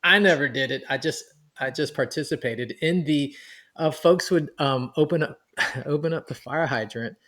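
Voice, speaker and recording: A man in his forties from New York City co-hosting a podcast, chatty and animated as he talks. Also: a little high, moderate pace. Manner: chatty, animated, laughing as he reminisces. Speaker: podcast co-host. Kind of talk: podcast conversation.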